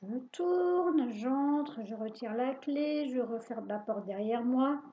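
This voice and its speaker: A woman reading a children's story aloud in a lively, playful, suspenseful way, on a dull lo-fi recording. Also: high voice, takes it slowly.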